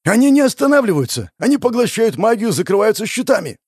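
A man voicing a panicked scout captain who shouts frantically in battle. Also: mid-range voice, moderate pace, slightly rough, no room sound, clean studio sound.

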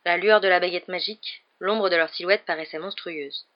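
An audiobook reader narrating a French novel in a steady, measured way. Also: medium pitch. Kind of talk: scripted narration. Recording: dull lo-fi audio.

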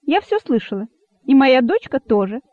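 Woman reader doing a loud, high, gossiping female monkey; phone-like, dry. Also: big pitch swings, normal speed, no room sound. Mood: excited. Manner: shouting, eager, indignant. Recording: dry tinny phone-like sound.

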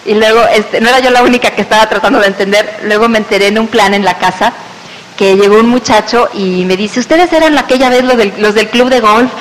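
A Mexican woman with a Mexican Spanish accent gives a personal business testimony to an audience, talking fairly quickly in a fairly high voice. She tells it as a lively story, acting out the voices she quotes. The recording is in a reverberant hall with faint hiss.

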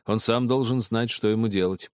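A man's voice: lowish voice, fairly even intonation, normal speed, smooth, no echo, clean studio sound, lightly acted. A man voicing a strict father who speaks sternly and coldly. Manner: stern, cold.

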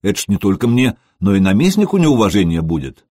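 A man's voice: fairly low pitch, sing-song, quick pace, dark tone, no room sound, clean studio sound. A man voicing a young warrior telling his lord plainly what happened. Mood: matter-of-fact.

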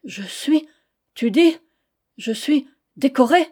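A woman's voice: high voice, very animated, slow pace, warm tone, voice pushed up, full character voice. A woman reading aloud voices a fussy, bewildered middle-aged clerk, stammering and agitated. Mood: stunned.

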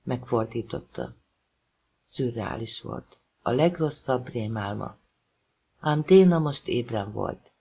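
A man reading a thriller novel aloud as an audiobook narrator, pacing it with tense pauses. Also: mid-range voice, big pitch swings, creaky, dark tone, slightly rough, dull audio.

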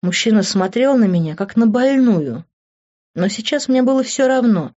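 A woman reading a first-person audiobook with expressive narration. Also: on the high side, moderate pace, highs cut off.

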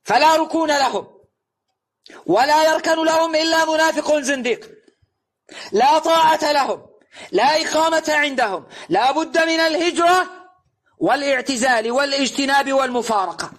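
A man delivers a recorded religious lesson. His voice sits very high for a man and rings bright and forceful. He presses his points with rhetorical questions and emphatic recitation. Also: moderate pace. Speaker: preacher.

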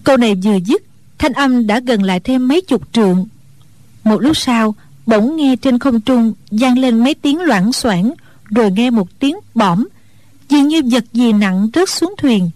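A woman reads a storybook aloud in a steady, even storyteller's manner. Her voice sits a little high and sounds dry and close to the mic. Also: unhurried, dry recording. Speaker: audiobook narrator. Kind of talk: scripted storybook narration.

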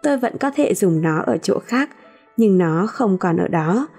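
A woman reads a first-person novel as an audiobook in a measured storytelling voice. Her tone is mellow and slightly breathy, with soft music faintly behind her. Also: mid-range voice, lively intonation. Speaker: audiobook narrator.

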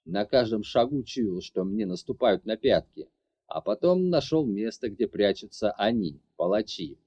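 A man voicing a brooding young mage who insists on justifying himself, low and heavy. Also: dark tone, lo-fi sound. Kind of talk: audiobook character voice.

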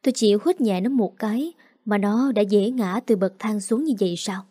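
Casting: woman narrator, dramatic and confiding, mellow dark tone, dry close sound, soft music behind. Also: mid-range voice, moderate pace, dry recording. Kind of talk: first-person storytelling narration.

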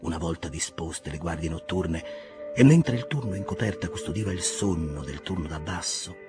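A man reading a literary audiobook in a measured, expressive way. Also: low voice, music in the background. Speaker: audiobook reader.

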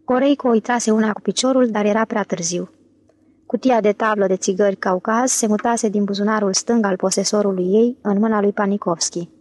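A woman narrating an audiobook in a steady, even reading. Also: medium pitch, no room sound. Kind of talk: scripted narration.

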